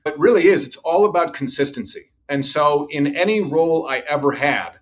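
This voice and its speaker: This middle-aged revenue executive talks a little fast in an expressive, higher-pitched voice while sharing confident stories about his sales career on a podcast. He remarks on his own loud voice.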